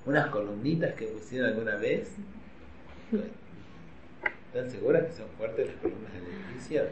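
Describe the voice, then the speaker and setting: A man's voice: on the low side, expressive, normal speed. Chatty Argentine man teaching a class. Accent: Argentine Spanish. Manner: chatty, keeps quizzing the audience with questions. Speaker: religious teacher. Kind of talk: informal lecture to a women's class. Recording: roomy, slightly dull recording with faint hum.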